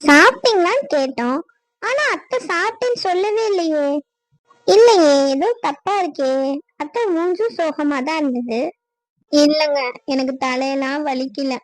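A woman voicing a young, newly married daughter-in-law in a cartoon, who talks softly and respectfully. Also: high voice, moderate pace, lightly acted, low-quality recording. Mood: worried. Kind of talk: cartoon voice acting.

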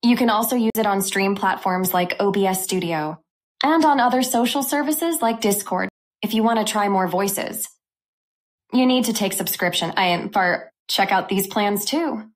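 A woman hosting a tech channel, walking through a software review step by step in an upbeat way. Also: mid-range voice, moderate pace.

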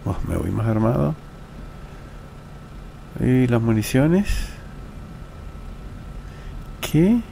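A man's voice: medium pitch, very animated, drawn-out words, creaky, long pauses, warm tone, a little hiss or hum. A man giving casual gameplay commentary, talking to himself as he plays. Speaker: gamer, let's play host.

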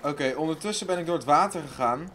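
A man hosting a let's play who talks to himself and loudly panics while playing. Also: a little high, fast, a little hiss or hum. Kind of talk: casual gaming commentary.

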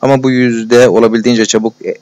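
A man reading a classic novel aloud as scripted narration, in a plain, steady manner with small restarts. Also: mid-range voice, fast talker. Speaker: audiobook reader.

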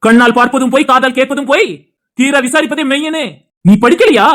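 A husband in a cartoon who is fierce and loyal to his brother, scolding his wife in a Tirunelveli Tamil accent, as a woman acts him out. The voice is high and the words rush out fast, full of heat and insults. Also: fairly bright tone. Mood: contemptuous. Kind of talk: cartoon dialogue acting.

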